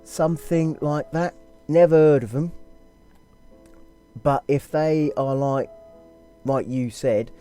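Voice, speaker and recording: A man's voice: a little high, steady tone, slow pace, pauses often, mellow, clean tone, soft background music. A man voicing a blunt, crude young woman reading a letter to her sister aloud, stumbling through it in a put-on accent.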